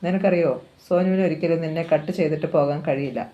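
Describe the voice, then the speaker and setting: A cold, scheming wealthy father giving orders, as the novel's narrator reads his lines. The tone is dark and mellow, at a middle pitch, in a plain audiobook reading. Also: quick pace, highs cut off, lightly acted.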